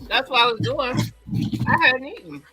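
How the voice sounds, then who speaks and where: Woman, bright tone, friendly, casual chat, faint music. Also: sits high, normal speed. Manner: friendly, greets everyone.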